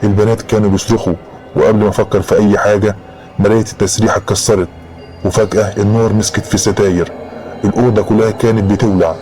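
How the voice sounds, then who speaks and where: Fast flat-voiced Egyptian male storyteller. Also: on the low side, faint music behind. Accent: Egyptian Arabic. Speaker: horror story narrator. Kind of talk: dramatic first-person storytelling.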